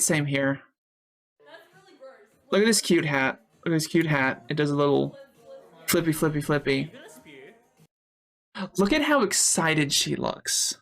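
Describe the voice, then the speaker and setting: During a casual live stream, a female Twitch streamer with a low, gravelly voice reads chat, thanks her viewers and swears openly while chatting loosely.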